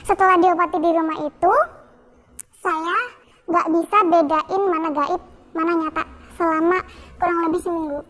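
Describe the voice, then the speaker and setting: A young woman guest telling her own story in a halting, repetitive way with many fillers. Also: very high-pitched, little pitch movement, a bit bright. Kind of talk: personal testimony.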